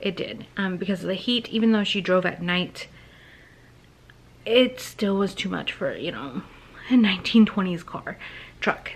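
A woman in her thirties chatting casually to camera as she retells a story in a halting, conversational way with emphatic asides. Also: medium pitch. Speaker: book vlogger. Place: small bedroom, indoors.

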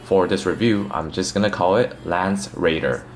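A man's voice: low-pitched, moderate pace. A man narrating a toy unboxing review as host of his channel, earnest with light jokes.

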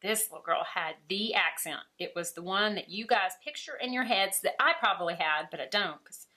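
Southern art teacher lady chatting away while she paints, bright voice, laughs a lot. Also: medium pitch, fairly quick. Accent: Southern American. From Alabama. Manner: chatty, laughing often, animated. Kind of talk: casual chat while painting.

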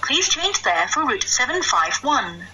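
A woman gives measured, formal transit announcements in a fairly high voice. Her phrases are stitched together from separate prerecorded words, and loud train rumble runs underneath. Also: very animated. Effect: prerecorded words spliced together. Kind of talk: automated station announcements. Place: inside a light rail train.

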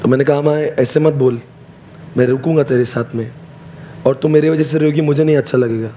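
A man's voice: mid-range voice, fairly even intonation, a little fast, warm tone, slight background noise. A young adult man speaking to students as their teacher, telling a story in an emotional motivational speech and switching between Hindi and English phrases.

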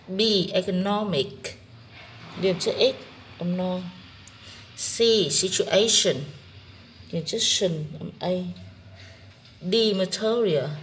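A woman English teacher with a Vietnamese accent, calmly working through an exam-prep test one question at a time. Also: fairly low pitch, a little hiss or hum. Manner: slow, methodical explaining. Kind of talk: exam-prep lesson walkthrough.

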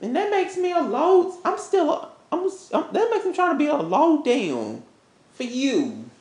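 A woman plays a hurt, furious partner in a relationship melodrama, accusing her unfaithful lover in a high, slow voice that stumbles and repeats itself. Her delivery is sing-song, slightly mellow and fully in character, angry and confrontational. The recording sounds roomy, with noticeable echo.

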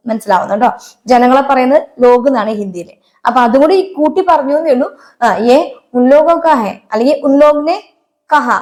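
High-voiced woman teaching Hindi. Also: a little mellow. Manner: patient, checks understanding often. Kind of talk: online language lesson.

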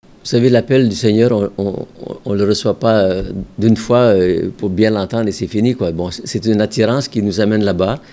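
This older Ontario man, a religious brother serving as a school director, speaks in a lowish voice from behind his office desk, a microphone set before him. His interview answers look back on his past calmly and thoughtfully, marked by some hesitation.

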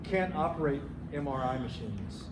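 A middle-aged American man reciting dad jokes in a hesitant, deadpan way on a stage. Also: medium pitch, moderate pace. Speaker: teacher telling jokes in a contest. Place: school auditorium stage, indoors. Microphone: camera at a distance. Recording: echoey, very noisy auditorium recording.

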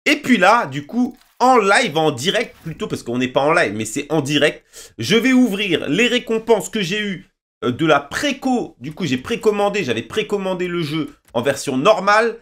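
A young man commenting as he opens packs in a game, often shouting and repeating names in excitement. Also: high voice, normal speed. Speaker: gaming video creator. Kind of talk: excited pack-opening commentary.

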